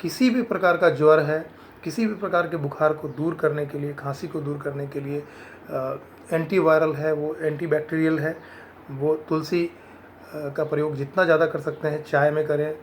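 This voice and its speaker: A man from India explains health tips in an earnest, advising way, slipping English words into his talk. His voice sits a little high for a man. A faint hiss of background noise runs under the recording. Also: steady tone, normal speed.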